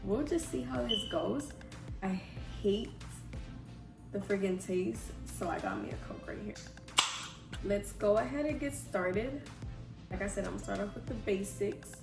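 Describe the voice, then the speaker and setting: A vlogger in her twenties from Houston, Texas, USA, chats casually with viewers in slangy, self-deprecating speech, her voice affected by a cold. She has a medium pitch with lively intonation, talking a little slowly with creaky tone and long pauses. Music plays beneath her in an echoey room.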